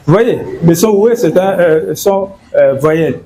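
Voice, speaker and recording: A man's voice: high voice, animated, measured pace, dark tone, a little hiss or hum. A man from Congo explaining in an interview, hesitant and repeating words and fillers. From Democratic Republic of the Congo. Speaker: guest.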